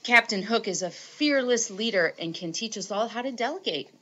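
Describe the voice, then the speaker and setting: A woman teacher reading an example friendly letter aloud in a playful, expressive way. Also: on the high side, normal speed. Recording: dull lo-fi recording.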